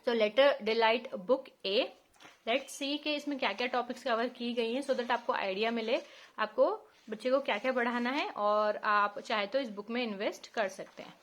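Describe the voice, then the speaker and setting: Indian woman explaining phonics slowly. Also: on the high side, fairly bright tone. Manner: explains patiently, spells out letter sounds slowly. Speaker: parent reviewing a phonics book. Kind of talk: teaching walkthrough.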